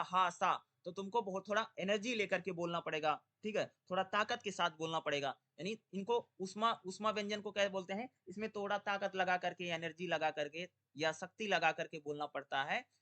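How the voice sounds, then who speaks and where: Young guy teaching an exam-prep class, high bright voice, keeps asking questions and answering them himself. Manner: drawls syllables slowly in drills.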